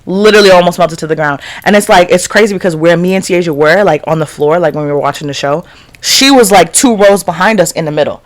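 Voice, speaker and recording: A young podcast host, telling stories in a casual, excitable way, swearing freely and filling with "like". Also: medium pitch, fast talker. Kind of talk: casual solo storytelling.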